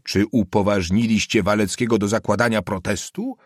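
A man's voice: lowish voice, steady tone, normal speed, no echo, studio quality, lightly acted. Man as a stern school inspector. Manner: firm, commanding.

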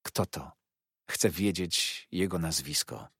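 A man's voice: low-pitched, slow pace, vocal fry, a bit bright, husky, dry recording, clean studio sound, exaggerated voice. A man reading as a stunned, vengeful old fisherman. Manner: hollow, dull delivery turning vehement. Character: grief-stricken old fisherman uncle, stunned then fierce. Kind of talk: audiobook character reading.

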